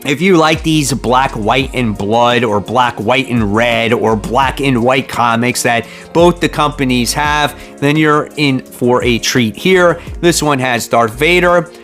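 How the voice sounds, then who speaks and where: A man's voice: mid-range voice, slow, hardly any pauses, a bit bright, soft background music. A man presenting a top ten countdown as a video host, talking informally and conversationally straight to his viewers. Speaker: comic book reviewer and channel host.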